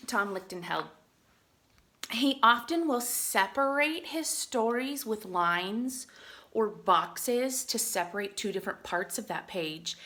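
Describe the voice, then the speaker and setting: As a teacher, a woman with a medium-pitched voice reads a picture book aloud to children with expression, frequently slipping into hushed asides.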